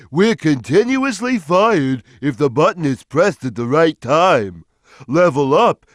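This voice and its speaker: A big gentle slow-witted cartoon cat for a game, kinda high for a male voice, childlike n drawn out, dry close sound. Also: no room sound. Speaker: video game character. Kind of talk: video game voice lines.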